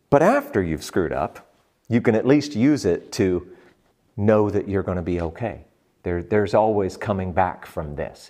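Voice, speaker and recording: Animated man leading a Bible study. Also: fairly low pitch. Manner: animated, asks the group questions. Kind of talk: group Bible study teaching.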